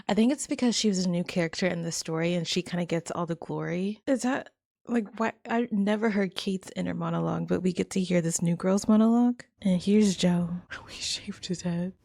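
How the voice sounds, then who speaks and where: A woman's voice: fairly low pitch, moderate pace, creaky, a little mellow, no room sound, clean studio sound. A woman hosting a reaction video, talking back to the screen in blunt, profane casual commentary.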